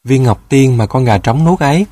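A man voicing a gentle older sister in a storybook tale, calm and hushing. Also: mid-range voice, normal speed, husky, no room sound.

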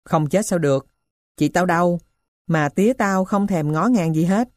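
A woman's voice: lowish voice, normal speed, a little mellow, dry recording, studio quality, close to an everyday voice. A woman voicing a poor runaway boy grieving his dead sister, in an earnest, confiding way. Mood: sorrowful.

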